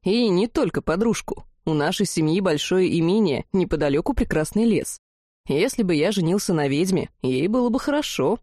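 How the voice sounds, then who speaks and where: A calm, good-natured young man talking plainly, as a woman storyteller voices him. Her own warm, dark timbre carries through, and the close, dry reading keeps it intimate. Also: lowish voice, moderate pace, no echo. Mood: cheerful.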